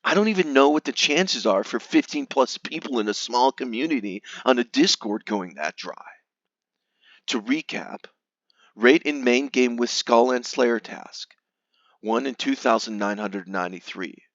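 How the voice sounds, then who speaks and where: A man with a medium-pitched voice delivers a theatrical, hammy reading like a stage actor. He is mock-grave, leaning hard on key words and then dropping to a hush. The sound is dry and close, with a slightly dull top end. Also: animated, normal speed, no room sound. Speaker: reader of a gamer's forum post.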